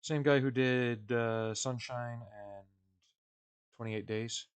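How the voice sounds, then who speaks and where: While assembling a model kit on a home livestream, a man talks casually with his viewers, rambling along with fillers and chuckles. He speaks slowly in a medium-pitched voice with a clean tone.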